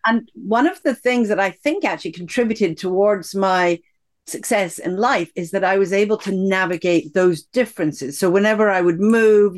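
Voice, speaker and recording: Scottish woman coach, enthusiastic. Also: mid-range voice. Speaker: guest, executive coach. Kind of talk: conversational interview.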